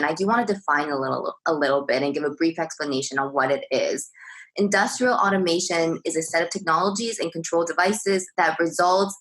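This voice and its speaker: A woman hosting a podcast interview, polite and upbeat, with clearly phrased, partly scripted questions. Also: fairly low pitch, fairly bright tone, rough recording. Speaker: podcast host.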